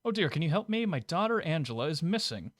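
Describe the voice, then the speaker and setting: A man's voice: a little high, big pitch swings, fast, no room sound, clean studio sound, voice pushed up. A man reading a worried game villager's plea aloud in a raised, pleading voice. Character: pleading villager parent begging for help.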